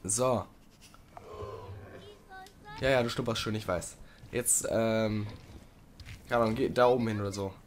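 A young man doing casual let's play commentary, chatting to the game creature and sometimes swearing loudly. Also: fairly low pitch, fairly even intonation, measured pace, pauses often, slight background noise.

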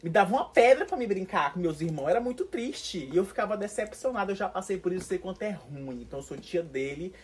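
A man's voice: high-pitched, expressive, fast, few pauses, breathy edge. A man playing an aunt in a comedy sketch who lectures her parents indignantly.

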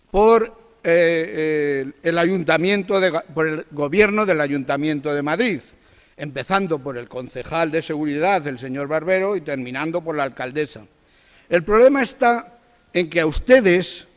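A man with a Spanish accent from Spain gives a formal, accusatory speech as an opposition spokesman in a district council meeting. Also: sits high. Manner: combative, accusatory, rises when attacking. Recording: long reverb of a council hall.

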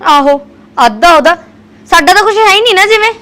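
A woman's voice: very high voice, expressive, a little fast, bright, forceful tone, exaggerated voice. An actress playing a jealous young wife who taunts her husband's sister with sarcasm. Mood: bitter. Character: jealous, sharp-tongued sister-in-law, a young village wife.

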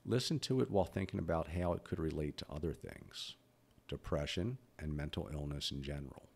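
A podcast host in his fifties speaks fairly quickly in a creaky, husky bass voice. Stuttering as he goes, he offers a blunt, candid, reflective monologue about his own life.

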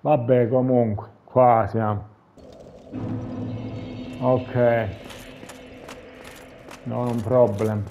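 Slow-talking man playing games. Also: mid-range voice, level tone, warm tone, faint music behind. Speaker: video game player. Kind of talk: casual gameplay commentary. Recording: clear background noise and game ambience.

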